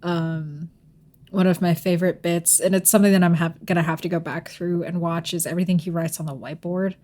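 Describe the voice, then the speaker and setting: A woman co-hosting a podcast, chatting in a relaxed way, often laughing and filling pauses with ums. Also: on the low side. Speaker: podcast co-host. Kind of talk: casual chat.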